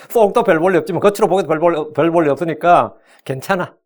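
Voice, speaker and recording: A man's voice: on the high side, fast talker. A middle-aged man preaching a sermon as pastor, colloquial and joking, acting out quoted voices with a Korean accent.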